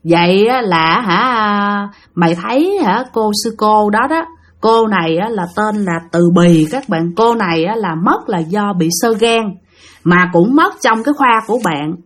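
A woman voicing a calm, older female office clerk, explaining slowly and knowingly. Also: mid-range voice.

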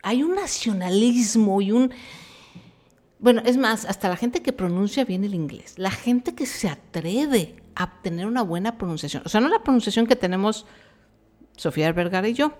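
Brief: middle-aged Mexican woman, podcast host, Mexican accent, mid pitch, frank and chatty, slangy asides. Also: expressive, normal speed, darkish tone. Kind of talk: casual chat monologue.

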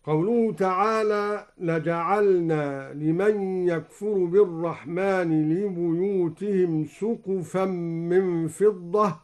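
A man with a notably high voice explains recitation variants in a formal, measured way. He speaks slowly and drops into drawn-out chanted recitation for each verse he quotes. The sound is a clean radio studio recording. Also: darkish tone. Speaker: Quran recitation teacher.

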